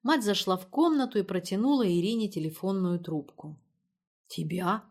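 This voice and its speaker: A woman reads a story aloud in a steady, even narration. Her voice is of middle pitch for a woman. It comes from a spoken audiobook. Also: brisk. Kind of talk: scripted narration.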